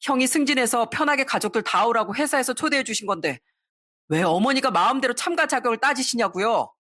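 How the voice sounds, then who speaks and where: A woman's voice: fairly high pitch, animated, fairly quick, a bit bright, voice pushed up. A woman voicing a husband who protectively confronts his mother. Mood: indignant. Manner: indignant questioning. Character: adult man, husband, protective and indignant.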